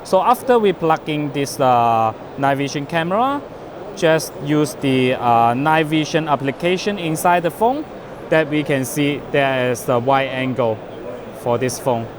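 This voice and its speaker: Speaking in fairly high-pitched, animated tones, a non-native English speaker shows off a product for his company without a script. He halts and breaks his phrasing as the trade show floor around him stays noisy.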